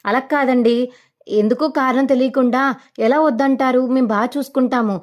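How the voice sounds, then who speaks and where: A woman's voice: high-pitched, fairly even intonation, normal speed, lightly acted. A woman telling a serial's story, voicing an earnest young husband who presses an older woman for answers. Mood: insistent.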